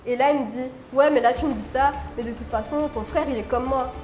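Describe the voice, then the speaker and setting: A woman from Réunion, a guest, telling a personal story in an expressive, dramatic way. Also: high-pitched, brisk. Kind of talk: animated storytelling. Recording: roomy room with faint music.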